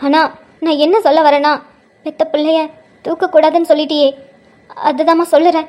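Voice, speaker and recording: A woman voicing an older grandmother and mother-in-law who speaks softly and sorrowfully, full of guilt. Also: high voice, flat delivery, a little fast, highs cut off, close to an everyday voice. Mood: pleading. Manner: soft, pleading and sorrowful. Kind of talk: cartoon drama voice acting.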